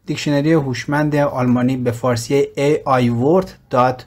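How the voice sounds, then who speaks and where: A man with a Persian accent giving a screen-recorded walkthrough of his website, explaining step by step with fillers and pauses. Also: medium pitch, fairly even intonation, a little mellow. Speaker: website presenter.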